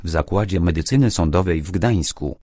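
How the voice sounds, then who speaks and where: A man reading the lines of a calm police major in an audiobook, speaking gently and in a measured way. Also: sits low, breathy edge, dry recording, studio quality. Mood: grave.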